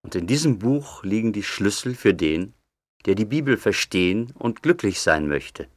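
An actor playing a gruff, blunt, suspicious man in an audio drama. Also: on the low side, sing-song, moderate pace, dry recording, studio quality. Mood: curious. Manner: blunt, agitated, rough-spoken.

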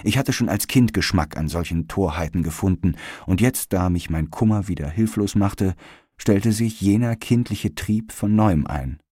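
Deep solemn male audiobook narrator. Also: warm tone, breathy edge, no room sound, clean studio sound. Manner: solemn, measured, dramatic pauses. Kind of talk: scripted audiobook narration of a gothic tale.

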